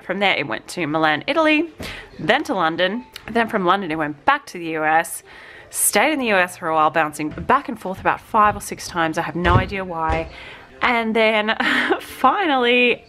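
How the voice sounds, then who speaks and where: A vlogger unboxing a stationery subscription box chats casually, cooing over the small items and sounding slightly nasal from a cold. Her mid-range voice swings widely in pitch, bright and forceful at a normal speed.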